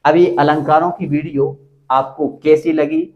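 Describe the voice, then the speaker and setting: A man teaching a Hindi grammar lesson at a board, explaining slowly and repeating each example aloud. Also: on the high side, steady tone, dull audio. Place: classroom with a small board.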